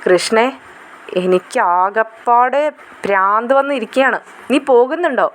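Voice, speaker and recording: A woman's voice: a little high, a little slow, close to an everyday voice. A woman voicing an upset young woman who curtly brushes off her sister. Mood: irritated. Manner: snappish, brushing others off.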